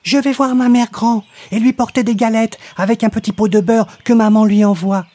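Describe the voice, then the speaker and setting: A man's voice: steady tone, mellow, slight background noise, close to an everyday voice. A man doing a naive little storybook girl. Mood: innocent. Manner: high, quick, innocent little voice.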